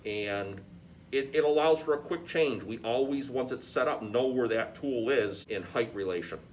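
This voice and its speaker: A man's voice: medium pitch, moderate pace. A man instructing like an experienced machinist, patiently explaining a hands-on demonstration step by step. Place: workshop beside a lathe. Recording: clear shop background noise.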